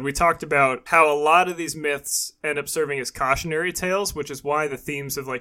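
A man's voice: fairly high pitch, sharp tone. A man hosts a podcast, talking casually and explaining things in a conversational way. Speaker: podcast host.

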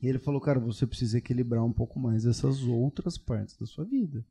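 A man's voice: medium pitch, fast talker, mellow, breathy edge. A young man in casual chat, telling stories with slang and swearing freely. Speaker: podcast co-host.

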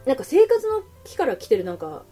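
A woman co-hosting a casual radio talk show, telling stories quickly and acting out quotes. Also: high voice, big pitch swings, dark tone, faint music behind. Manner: rapid storytelling, acts out quotes, laughs.

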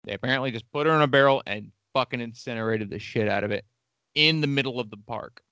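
A man's voice: medium pitch, fast, sharp tone, smooth, no echo, highs cut off. Crude joking man hosting a podcast. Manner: crude, joking, swears often. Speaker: podcast host. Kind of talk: casual history podcast chat.

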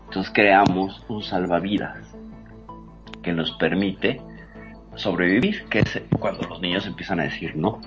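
Deep-voiced man with music behind. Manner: expansive, rhetorical questions, emphatic. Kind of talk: reflective conversational explaining. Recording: muffled audio with music underneath.

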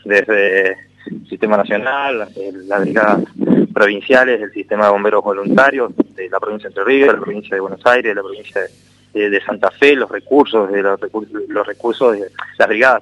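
A man with an Argentine accent, a civil defense official answering questions in a radio interview, halting and full of fillers and repeated words. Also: on the low side, a bit bright, no echo, highs cut off.

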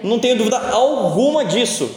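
A young man preaches a sermon in a high, light voice, telling stories in a loose and joking way. The sound bounces around a big church hall with a long reverb tail. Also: big pitch swings, brisk. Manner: casual, joking storytelling in a sermon.

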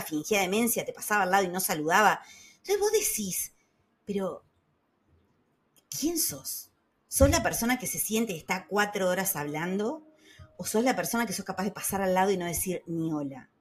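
A woman with an Argentine Rioplatense accent giving a casual motivational talk to her audience, conversational and lively, often acting out the voices of people she quotes. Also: mid-range voice, husky.

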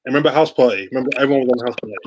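A young man with an urban London roadman accent, hosting a casual podcast in an animated, slangy way. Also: mid-range voice, racing, a little hiss or hum. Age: young adult. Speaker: podcast host. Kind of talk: casual group banter and hosting. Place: indoors at home, on a laptop video call.

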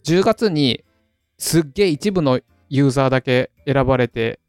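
A man co-hosting a casual podcast, chatting briskly, reading out facts and laughing easily. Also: mid-range voice, lively intonation, a little mellow, no echo, clean studio sound, soft background music. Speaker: podcast co-host.

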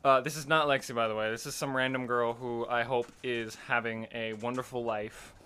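A man's voice: mid-range voice, fairly quick, clear, resonant tone. A man in his twenties telling a party story in casual podcast chat, acting out the voices he quotes. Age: 20s. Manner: animated, acts out quoted voices. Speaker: podcast co-host.

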